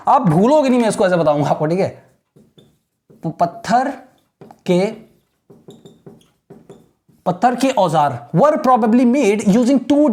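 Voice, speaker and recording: Indian man teaching English, slow repetitive drills. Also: very high voice, a little mellow. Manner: reads English slowly and repeats phrases, then explains in quick Hindi; keeps asking "right?" to check on students. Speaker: English teacher for exam students. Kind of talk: bilingual exam-prep lesson.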